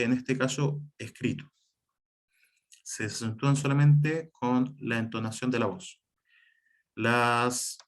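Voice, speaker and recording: A man teaching a spelling lesson, explaining the rules step by step, with frequent fillers and self-corrections. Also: fairly high pitch. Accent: Chilean Spanish. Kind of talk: spelling lesson over slides.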